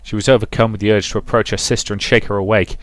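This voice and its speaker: Fast and fairly flat in pitch, this man's lowish voice carries a let's play where he mixes casual chatter with reading a visual novel aloud. The recording is roomy and echoey, with game music underneath.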